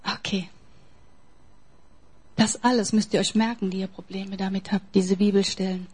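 A woman preaching a sermon in an emphatic way, swinging between soft, near-whispered passages and forceful, raised lines. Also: mid-range voice, flat delivery, normal speed, breathy edge.

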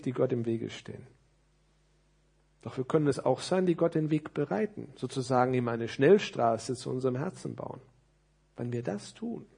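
A man preaching a sermon, animated, who asks his listeners rhetorical questions. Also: mid-range voice, vocal fry, breathy edge.

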